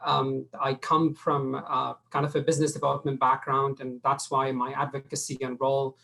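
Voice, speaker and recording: Flat-toned man from Syria. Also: medium pitch, normal speed, gravelly, rough recording. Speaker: panelist. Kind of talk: seminar introduction.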